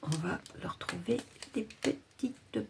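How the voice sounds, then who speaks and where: A woman's voice: lowish voice, animated, slow, creaky, slight background noise. A woman hosting a casual crafting tutorial, chatting and thinking aloud as she works.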